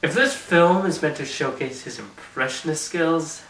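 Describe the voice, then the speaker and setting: A man's voice: on the high side, moderate pace, a bit bright. A man narrating a scripted film review in a dry, sarcastic way. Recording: roomy echo.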